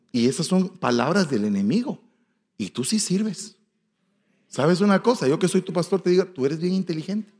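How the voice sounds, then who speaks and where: A man with a Guatemalan Spanish accent preaching as a pastor, telling folksy stories in an animated way, swinging between soft asides and loud exclamations. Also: mid-range voice. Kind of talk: storytelling sermon. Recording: long hall reverb.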